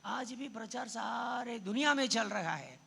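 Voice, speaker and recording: Guy preaching in a church, super slow and gravelly, big echoey hall. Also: very high-pitched, lively intonation. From southern India. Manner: preaching with repeated hallelujahs, rising to shouts. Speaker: pastor. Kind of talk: sermon. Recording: long church hall reverb with faint noise.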